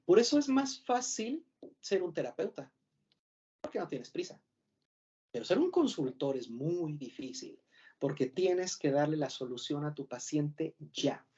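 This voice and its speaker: A man's voice: fairly high pitch, very animated, unhurried, mellow. A man with a Mexican Spanish accent giving a mock lecture to a class as a professor. He rambles, corrects himself and fires off rhetorical questions. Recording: dull lo-fi recording.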